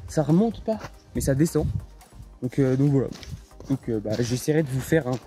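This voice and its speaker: A young man films himself on a mountain trail and talks to his viewers in a loose, rambling way full of fillers and restarts. He sounds tired and low on spirits. It is recorded on a handheld phone out of doors. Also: lively intonation, moderate pace, mellow, soft background music. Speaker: hiking vlogger. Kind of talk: casual vlog to camera while trekking.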